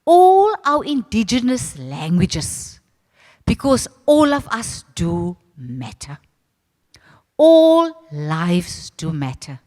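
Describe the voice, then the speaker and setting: An older woman with a South African accent gives an informal public speech, animated and direct, addressing her audience familiarly. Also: medium pitch. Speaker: host of a ceremony, arts centre leader. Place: large reverberant venue at a public ceremony. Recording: echoey hall with long reverb.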